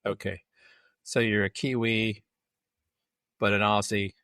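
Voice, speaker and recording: A man's voice: lowish voice, level tone, slow, fairly bright tone, dry recording, studio quality. A man hosting an interview podcast, talking casually and conversationally with small restarts. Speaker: podcast host.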